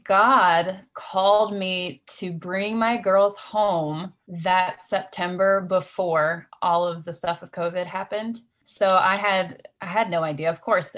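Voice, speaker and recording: A woman's voice: fairly low pitch, a bit bright. A middle-aged woman talking as a guest in a casual conversation, earnest and laughing often.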